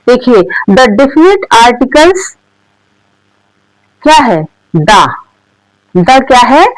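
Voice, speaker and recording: A woman teaching English grammar, asking questions and answering them herself, repeating each point, checking in with frequent "okay"s, and saying the English example words slowly. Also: a little high, no echo, low-quality recording. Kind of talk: explanatory grammar lesson for learners.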